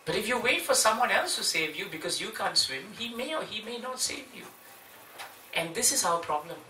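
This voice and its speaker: Male speaker for a home sermon, lively storyteller, bright and animated, recorded from across an echoey room. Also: sits high, a little fast. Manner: lively storyteller, acts out voices in the tale. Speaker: visiting speaker giving a scripture class. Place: devotee's home, evening class. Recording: roomy, distant mic, faint noise.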